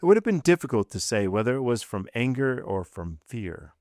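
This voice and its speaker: A man narrating a classic novel as an audiobook in a measured, even way. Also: medium pitch, no room sound, clean studio sound.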